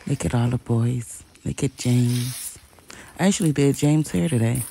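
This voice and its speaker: A woman narrates a casual family vlog, chatting directly to viewers. Her voice is relaxed and dark, with plenty of fry. A faint noise sits behind her. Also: extremely low pitch, moderate pace, poor audio. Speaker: family vlogger.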